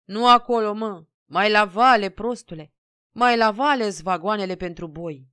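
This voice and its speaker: A woman voicing a loud, mocking male train conductor yelling at peasants. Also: medium pitch, clear, resonant tone, dry recording, studio quality, pitched above the performer's own voice, close to an everyday voice.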